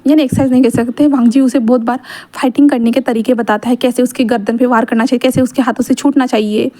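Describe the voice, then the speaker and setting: A woman narrates a fan fiction story in a chatty, rambling way. Her voice sits high with a soft, dark tone. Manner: chatty, loose narration with fillers. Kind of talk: casual reading of fan fiction.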